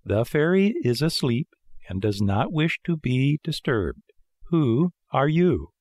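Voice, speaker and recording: A man voicing a calm female snail in a storybook, drawing out words in a peaceful, unhelpful way. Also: mid-range voice, takes it slowly, no echo, studio quality, voice pushed up. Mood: sleepy, questioning. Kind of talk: storybook character voice.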